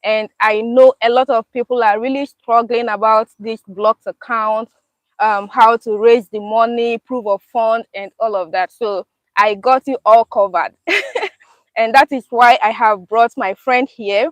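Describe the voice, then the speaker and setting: A woman's voice: a little high, unhurried, dry recording, poor audio. A young woman hosting a casual live-stream chat in a park, upbeat and laughing often. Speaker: YouTube host. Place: outdoors in a park.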